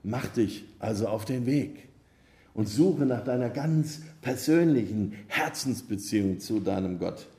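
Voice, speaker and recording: A man preaching a sermon, telling a parable in a calm, measured way. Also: lowish voice. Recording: roomy echo.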